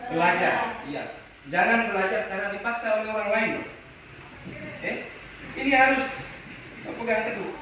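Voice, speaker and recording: Teacher with a high voice, echoey and far. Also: male voice, noisy background. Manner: repetitive, questioning, with many restarts and "ya" tags. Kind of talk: classroom lesson to pupils. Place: classroom.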